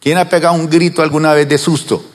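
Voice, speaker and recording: A male pastor preaching to his congregation, asking them questions and answering them, slowing down on some words and rushing through asides. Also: fairly high pitch, level tone, in a large hall. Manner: swings between slow drawn-out words and fast asides. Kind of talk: sermon. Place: church.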